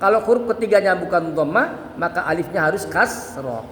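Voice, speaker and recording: High-voiced man teaching recitation, echoey hall. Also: animated, a bit bright, slight background noise. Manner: brisk explaining that breaks into slow, melodic chanting to demonstrate. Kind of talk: religious lesson on Quran recitation. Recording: echoey hall with long reverb and faint ambience.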